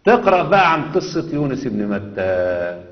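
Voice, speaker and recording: A man's voice: medium pitch, sing-song, normal speed. A man with an Egyptian accent giving a religious lesson, stressing points and asking rhetorical questions. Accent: Egyptian Arabic. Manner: emphatic, asks rhetorical questions. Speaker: religious teacher. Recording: dull echoey hall recording.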